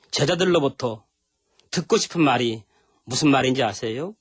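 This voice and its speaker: A man with a fairly high voice delivers a lively sermon. He leans into storytelling and acts out the lines of the characters in his stories. The sound is close and dry, with no room in it. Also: no room sound. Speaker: pastor.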